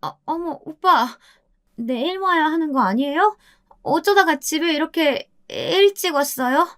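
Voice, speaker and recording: A woman's voice: sits high, expressive, normal speed, pitched above the performer's own voice. A woman voicing a cruel young wife who screeches scornful nagging at her mother-in-law in a storybook radio drama. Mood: startled.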